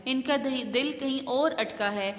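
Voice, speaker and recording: A woman's voice: high-pitched, lightly acted. A woman teacher voicing an aggrieved, tearful middle-aged housewife who complains shrilly, read aloud in an echoey room.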